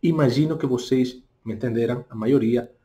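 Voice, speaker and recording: A man speaking with a Spanish accent, a native Spanish speaker who gives a casual spoken lesson, talking slowly and tagging his points with little questions. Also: medium pitch, warm tone. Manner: talks deliberately slowly, tags questions with "não?". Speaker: language teacher.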